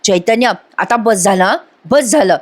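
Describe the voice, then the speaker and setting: A woman's voice: mid-range voice, animated, a little slow, lightly acted. A woman reading a furious young husband. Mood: angry. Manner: angry, clipped.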